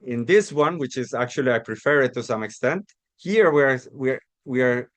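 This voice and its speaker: A man's voice: medium pitch, lively intonation, moderate pace, fairly bright tone, dry recording. Man from Costa Rica presenting research. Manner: frequent restarts and repeated words, explanatory. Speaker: academic presenter. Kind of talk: research talk.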